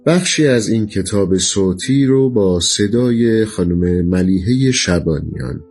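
A man calmly introducing an audiobook excerpt in a measured, scripted way. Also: lowish voice, soft background music. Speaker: audiobook program presenter.

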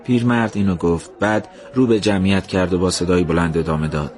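A man narrating a story in a slow, measured, somber reading. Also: low voice, steady tone, darkish tone.

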